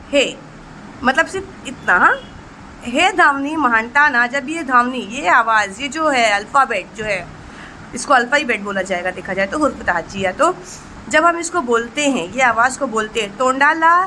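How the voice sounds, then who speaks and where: A woman's voice: high voice, bright, forceful tone, a little hiss or hum, rough recording. A woman teacher giving an exam-prep lesson, asking rhetorical questions and answering them herself, mixing Marathi terms into her explanations. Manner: addresses students fondly as children.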